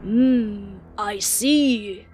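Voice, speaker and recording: A sly, falsely polite big bad wolf from a storybook, as a woman reads him. The voice drops a little lower and slows to a creeping pace, with faint music underneath. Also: a little mellow. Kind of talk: children's storybook reading.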